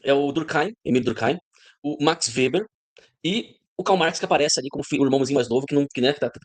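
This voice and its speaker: A man's voice: a little high, fast talker. A man, a guest commentator, who hesitates at first and then explains in a lecturing way. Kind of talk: explanatory discussion.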